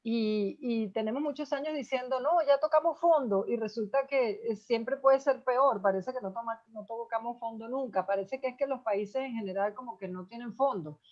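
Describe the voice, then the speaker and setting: A woman guest astrologer talking in a relaxed, self-deprecating way over a video call. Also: a little high, moderate pace, few pauses. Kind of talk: casual video-call chat. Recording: dull lo-fi video-call audio.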